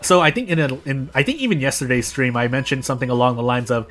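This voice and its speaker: Speaking fast in a mid-range, fairly bright voice, an American man streams gameplay with music in the background. His live commentary is casual and rambling, and he frequently self-corrects along the way.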